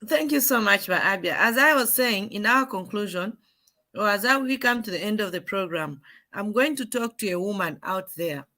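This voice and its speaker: A woman's voice: mid-range voice, expressive, moderate pace, bright, forceful tone. A woman hosting a talk show discussion, speaking directly to the viewers and mixing in local words.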